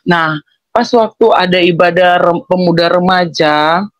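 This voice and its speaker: A woman's voice: lowish voice, measured pace, no echo, rough recording. A woman giving a casual personal testimony, rambling and often correcting herself as she acts out talks with her family. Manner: rambling, with frequent self-corrections and restarts; acts out quoted dialogue with family.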